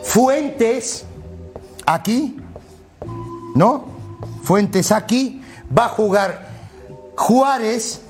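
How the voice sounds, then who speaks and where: A man analysing a football lineup on a sports panel, explaining step by step and checking in with quick tag questions. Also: very high-pitched, expressive, soft background music.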